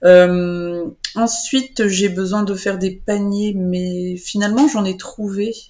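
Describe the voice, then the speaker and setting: A woman's voice: medium pitch, steady tone, takes it slowly, a little mellow. A young woman chatting casually to her viewers about her knitting and crochet projects, rambling with frequent hesitations and self-corrections. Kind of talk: casual chat to camera.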